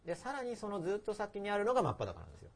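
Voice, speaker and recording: Man, middle-aged, podcast host, rambling, husky, very lively pitch. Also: racing. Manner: rambling, self-deprecating, laughs at himself. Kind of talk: casual podcast chat.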